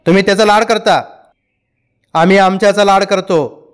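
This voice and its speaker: A man's voice: extremely high pitch, animated, moderate pace, pitched above the performer's own voice. A man doing a hot-tempered old village grandfather. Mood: angry. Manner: angry, sharp retorts.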